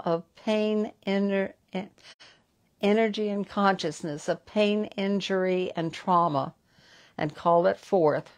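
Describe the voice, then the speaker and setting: A woman with a Southern American accent hosts a live psychic talk. She tells her stories in a rambling way, restarting and repeating words as she goes. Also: medium pitch. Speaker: psychic host. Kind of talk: live stream talk and storytelling.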